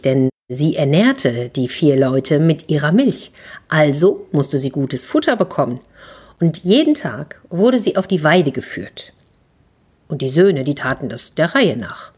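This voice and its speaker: A woman telling a fairy tale to children in a lively, expressive way. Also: lowish voice, slightly rough. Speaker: storyteller.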